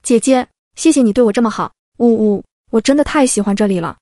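A woman playing a tearful, scheming adopted teenage girl in a storybook reading. She speaks in a sugary, pleading way, a little high in pitch. The sound is close and dry. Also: animated, fast, warm tone, dry recording.

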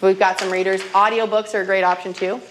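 This fast-talking woman has a mid-range voice and a flat delivery. In her thirties, she teaches a classroom money workshop as a financial literacy trainer, mixing in stories and frequent "okay?" check-ins.

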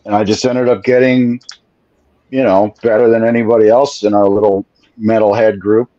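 On a laid-back video call, a guest drummer in his forties, born in Venezuela and brought up in Florida, tells his story and swears without restraint. His lowish voice barely moves in pitch and keeps a moderate pace. The dry, dull, lo-fi audio comes from a webcam in a home room with a ceiling fan.

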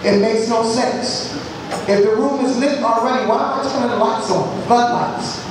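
A man's voice: very high-pitched, moderate pace, background noise. A man in his fifties preaching an earnest, exhorting sermon in a church, repeating his phrases for emphasis. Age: 50s. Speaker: lay preacher. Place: large church sanctuary. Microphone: handheld mic. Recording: echoey hall from far off.

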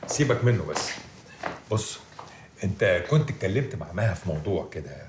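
An actor playing an older man who calms a hotheaded friend, quick and exasperated, with an Egyptian accent. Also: low-pitched, noisy background. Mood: placating. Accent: Egyptian Arabic. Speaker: senior official in a TV series.

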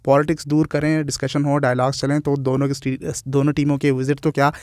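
A man's voice: medium pitch, level tone, fast, a little mellow, no echo, studio quality. A man with a Pakistani Urdu accent giving opinionated cricket commentary in a channel vlog, talking in short listed phrases with English words mixed in.

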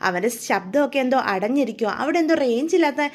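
A woman's voice: high-pitched, animated, fast. A woman voicing a fond, doting older mother-in-law in a serial retelling, in an affectionate, fussing way.

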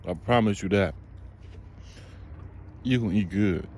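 A man's voice: lowish voice, measured pace, darkish tone, a little hiss or hum. A man filming a casual vlog, doting on a stray dog and talking to it in a fond, coaxing way outdoors. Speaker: vlogger.

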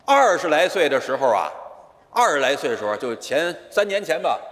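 A man performs live stage crosstalk as the lead comic, telling a story and acting out the dialogue. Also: a little high. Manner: animated storytelling that switches quickly into acted dialogue. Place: large theater stage. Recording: live theater hall reverb.

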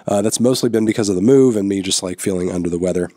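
A man in his thirties with a stuffy nose and a low voice races through a casual music review, relaxed, full of filler words, and blunt in his verdicts. He's in a small, newly set-up indoor room speaking into a large studio microphone on a boom in front of him, with no room sound.

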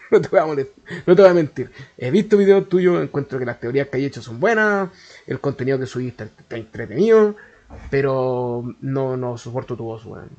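A man's voice: mid-range voice, expressive, moderate pace, a little mellow, dull audio. A man with a Chilean accent telling a story in a casual, slangy, profane way that rambles along. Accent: Chilean Spanish. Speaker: YouTuber.

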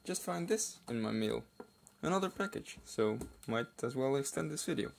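Seated at a wooden table indoors, a man who builds as a hobby and hosts videos unboxes a kit, speaking in a hesitant, casual way with trailing asides. His voice is mid-range, gravelly, and expressive, at a moderate pace. Faint noise, clicks, and crinkling plastic packaging can be heard.

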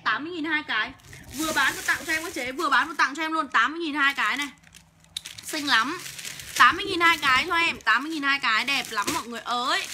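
A woman's voice: high voice, background noise. A young woman hosting a livestream to sell clothes, talking bluntly and hawking with heavy cursing. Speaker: online clothes seller. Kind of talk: livestream sales pitch.

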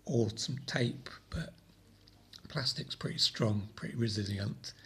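A man with a croaky voice from a cold, casually explaining a fix in a hobby vlog, rambling with frequent ums and repeated words. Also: medium pitch. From Britain. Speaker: drone hobby channel host.

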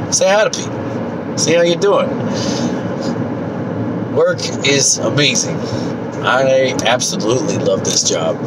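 Man with a congested nose and a cold, casual car vlog, mid-pitched voice, loud road noise. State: getting over a cold, coughing, voice tiring. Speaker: vlogger. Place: inside a moving car. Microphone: phone mounted at arm's length.

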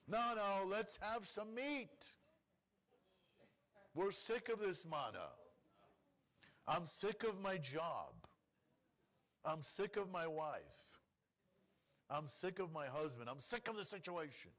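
A man's voice: fairly high pitch, very animated, takes it slowly, long pauses, a bit bright. A man, a rabbi, preaching a sermon to a congregation, asking rhetorical questions, calling for responses and acting out pleading complaints. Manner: acts out complaining prayers in a pleading voice. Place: congregation hall.

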